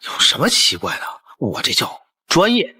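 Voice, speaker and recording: Eager young agent, overly polite, bouncy lively pitch. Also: male voice, moderate pace, slightly rough, heavily acted.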